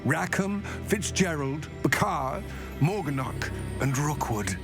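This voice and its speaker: Formal, wary goblin in a game. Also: male voice, fairly high pitch, expressive. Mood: grave. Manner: formal, measured storytelling. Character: grave, wary male goblin ally. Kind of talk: video game dialogue. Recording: game audio with loud music. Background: game music.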